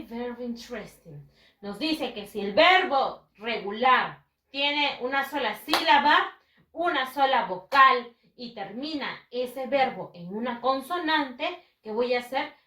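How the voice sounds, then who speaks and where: Woman, teacher for kids, bright and deliberate, roomy sound. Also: sits high, distant mic. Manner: patient, repeats words slowly and switches between English and Spanish. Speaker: English teacher. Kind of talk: recorded online class for children.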